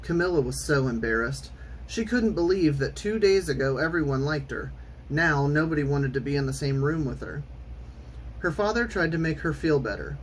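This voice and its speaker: A man reading a children's storybook aloud in an expressive, theatrical way with clear enunciation. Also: fairly high pitch, moderate pace, slight background noise, low-quality recording. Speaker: storytime reader.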